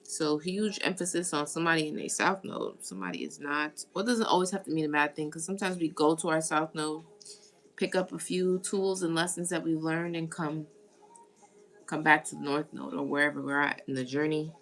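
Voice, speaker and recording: Woman, lower voice with a gravelly edge, casual live-stream tarot host who chats with viewers. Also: a little fast. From United States. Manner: chatty, greets viewers and reads comments aloud. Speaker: tarot reader.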